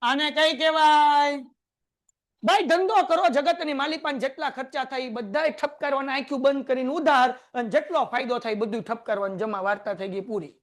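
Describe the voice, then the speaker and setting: High-voiced Kathiawadi teacher quizzing students. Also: male voice, steady tone, a bit bright. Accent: Kathiawadi Gujarati. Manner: quizzes students with quick rhetorical questions. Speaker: accounting teacher. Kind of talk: lively classroom lecture. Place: classroom with a board.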